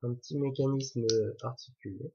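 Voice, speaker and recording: A man's voice: medium pitch, steady tone, moderate pace, noisy background. A man reviewing a toy set in a chatty, jokey way, correcting himself as he goes. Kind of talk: casual building commentary. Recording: dull lo-fi recording.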